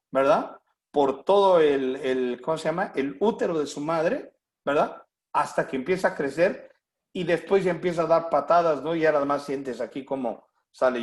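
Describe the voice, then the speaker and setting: A middle-aged man with a Mexican Spanish accent preaching a sermon, full of rhetorical questions and acted-out voices. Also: mid-range voice. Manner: animated, acts out quoted voices with rhetorical questions. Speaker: pastor.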